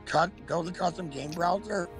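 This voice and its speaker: A man's voice: sits high, moderate pace, over loud music. A man chatting through a game with a friend, exasperated and bossy. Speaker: co-player. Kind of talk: casual gaming chat.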